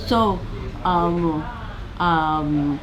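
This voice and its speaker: A Filipino woman in her seventies, a labor organizer answering interview questions in English with a Filipino accent, pausing often with fillers and repeated words. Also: on the low side. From Philippines. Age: 70s. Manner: halting, many fillers and repeats. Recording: crowd noise behind.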